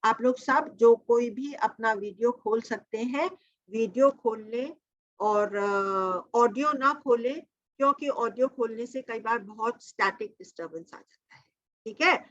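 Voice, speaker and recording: A woman spiritual teacher leading an online satsang over a video call, mixing Hindi with English and slowly chanting a mantra between her explanations. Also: fairly high pitch, a bit bright, no room sound, muffled recording.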